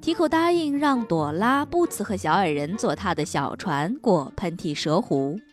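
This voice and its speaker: A woman storyteller reading a picture book aloud for children in an animated, sing-song manner. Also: fairly low pitch, normal speed, faint music behind.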